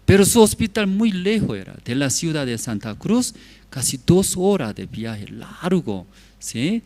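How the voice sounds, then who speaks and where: A man's voice: medium pitch, a little mellow. A man preaching a sermon as pastor, telling a story in simple, broken phrases and often checking with the congregation through short tag questions like a teacher. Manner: storytelling of a hospital visit.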